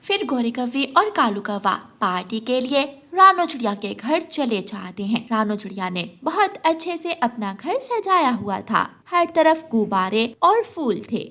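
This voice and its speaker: A woman narrating a children's cartoon story and voicing its characters in a lively way. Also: a little high, measured pace, few pauses, exaggerated voice. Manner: lively, defensive, chatty. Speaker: narrator and voices of several characters.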